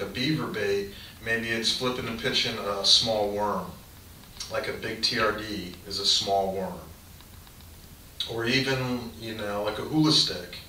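A man's voice: medium pitch, far from the mic. A middle-aged man gives casual, rambling how-to advice straight to the camera in a cluttered garage. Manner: relaxed, rambling, gestures with hands while explaining. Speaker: fishing channel host. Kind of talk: casual instructional talk to camera. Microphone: camera mic from a few feet away. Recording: roomy garage echo, off-mic, faint hiss.

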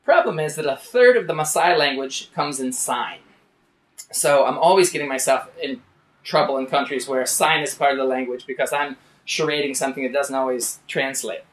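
Artist guy telling travel stories in his studio, animated, echoey room. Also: medium pitch, moderate pace. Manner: animated, acts out scenes. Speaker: artist and show host. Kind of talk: casual storytelling.

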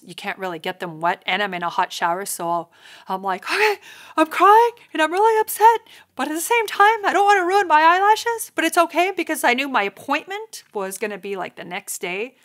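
A woman's voice: medium pitch, fairly bright tone. A woman in her thirties, a spiritual guide, telling her story in a frank, chatty and dramatic way, acting out quotes. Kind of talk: candid storytelling vlog.

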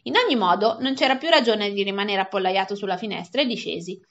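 Bright-voiced woman reading a children's novel. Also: mid-range voice, fast talker. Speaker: reader. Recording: dull lo-fi recording.

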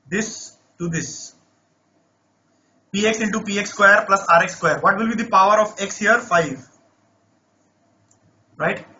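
A math teacher leads a live online class in a high, sharply bright voice that sounds a little off, and he says he has lost his voice. He coaxes his students along and keeps checking in with them, repeating things like "right?". The lo-fi recording is dull, with faint noise behind him.

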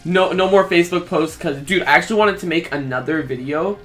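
A man's voice: on the high side, a little fast, a bit bright, soft background music. A young man vlogging casually, candid and self-mocking, talking with lots of "like" and "bro". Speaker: YouTuber. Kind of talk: casual reaction vlog.

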